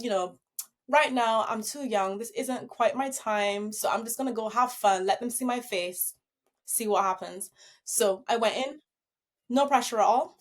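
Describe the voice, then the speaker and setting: A young woman from Barbados, a professional dancer, telling her story as an interview guest, upbeat and quick to laugh. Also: mid-range voice. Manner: upbeat, laughs easily while telling stories.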